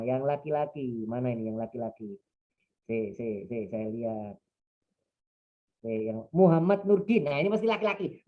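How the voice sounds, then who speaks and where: A man in his thirties with an East Javanese accent, giving a chatty, digressive religious talk in a webinar. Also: sits high. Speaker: preacher. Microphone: online call mic. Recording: dull lo-fi webinar audio.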